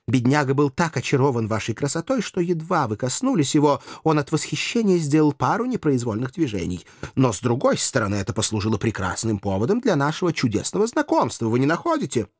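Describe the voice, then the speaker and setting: A man's voice: mid-range voice, sing-song, fast talker, few pauses, husky, dry recording, studio quality, pitched above the performer's own voice. A man voicing a gallant, theatrical young nobleman with florid, mock-courteous speech. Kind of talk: audiobook character voice.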